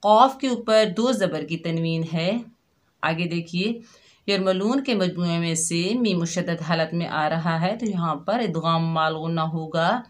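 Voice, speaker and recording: A woman teaching Quran recitation in a slow, patient lesson, explaining each letter's sound and repeating it. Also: lowish voice. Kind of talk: slow step-by-step tajweed lesson.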